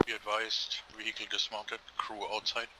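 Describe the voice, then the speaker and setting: A man's low, level voice comes through like radio chatter on a headset, clipped and procedural. He reels off terse military reports in an even tone. Steady hiss sits under every word. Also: normal speed. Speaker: squad member in a military sim game. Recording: noisy voice chat.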